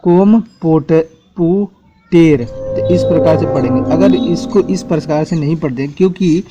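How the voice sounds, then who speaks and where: A man's voice: on the high side, moderate pace, mellow, faint music behind. A man teaching an English spelling lesson at a board, spelling words out letter by letter and checking in with the class often.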